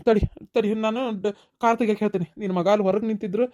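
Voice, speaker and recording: A woman with a North Karnataka Kannada accent voicing a calm, practical middle-aged village husband in a comedy skit. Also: medium pitch, fast talker, muffled recording, pitched below the performer's own voice, lightly acted.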